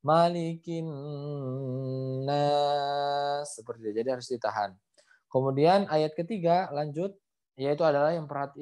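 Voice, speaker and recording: A man teaching Quran recitation in an online class. He is patient, repeats his points, ends phrases with "ya" and models the sounds before slowly chanting the verses. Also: a little high, warm tone. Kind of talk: online tajwid lesson. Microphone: video call.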